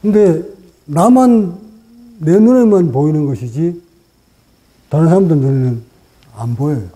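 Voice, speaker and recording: A man delivers a dharma talk as a Buddhist meditation teacher. His voice sits a little high but has a very dark, mellow tone. He speaks in short, measured phrases, pausing often and pushing up in pitch to stress a point. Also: animated, poor audio. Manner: deliberate, short phrases with pauses, rising for emphasis.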